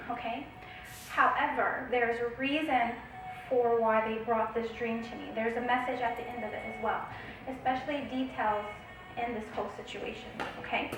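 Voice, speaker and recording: A woman casually reading out and telling a long dream to her viewers, often stopping to check in with a quick "okay?". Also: on the high side, fairly bright tone, very echoey, far from the mic, a little hiss or hum, rough recording. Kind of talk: casual storytelling narration.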